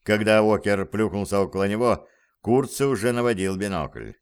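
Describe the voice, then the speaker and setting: A male narrator reads a war adventure as an audiobook, with a low-sitting voice and steady, measured delivery. The telling is even and composed. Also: smooth. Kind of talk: scripted narration.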